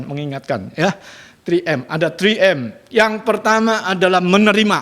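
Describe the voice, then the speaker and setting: Male pastor, fairly high voice, dramatic emphatic sermon delivery. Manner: repeatedly addresses the congregation, asks for amens; dramatic shifts in pitch and loudness when stressing points.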